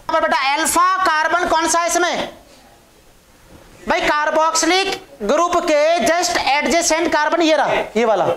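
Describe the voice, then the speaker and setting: A woman teaching a chemistry class, coaxing her students with questions that she answers herself. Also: high-pitched. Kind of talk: classroom lecture. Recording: echoey room.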